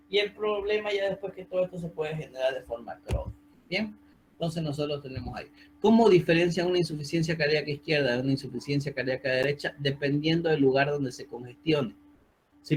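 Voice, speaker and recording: A man teaching a medical class on a video call, with a slightly high voice. He explains step by step and keeps checking that his students are following, asking quick rhetorical questions. The sound comes through a computer mic. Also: poor audio. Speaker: medical lecturer. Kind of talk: online medical lecture.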